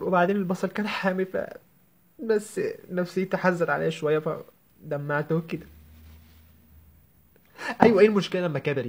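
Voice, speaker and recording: Guy doing a husky egyptian young wife whining to her mom, talks super fast, all worked up. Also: fairly high pitch. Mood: upset, whiny. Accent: Egyptian Arabic. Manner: whiny, indignant, rapid rambling. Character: young newlywed woman complaining to her mother. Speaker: comedian. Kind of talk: comic phone-call sketch.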